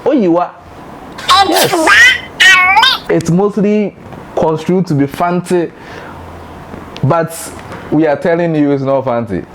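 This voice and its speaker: A man's voice: sing-song, slow, pauses often, background noise. Playful Ghanaian man teaching pronunciation. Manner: playful, laughing, jumps into high mock voices. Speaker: host. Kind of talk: light educational talk.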